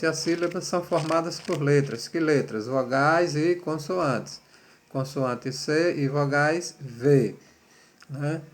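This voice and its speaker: A man teaching a third-grade language lesson, patiently spelling out syllables and praising pupils. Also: a little high. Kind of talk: remote classroom lesson.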